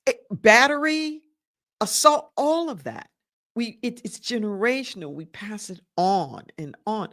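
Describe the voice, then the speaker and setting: A woman's voice: medium pitch, lively intonation, a little slow, a bit bright. A woman minister giving a sermon, emphatic, repeating key phrases and checking in with her listeners.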